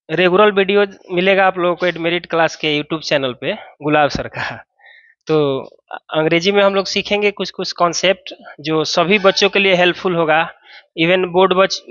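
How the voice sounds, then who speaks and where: A man's voice: high voice, steady tone, normal speed, fairly bright tone, dry recording, highs cut off. A man teaching an English grammar lesson, explaining step by step and asking and answering his own questions.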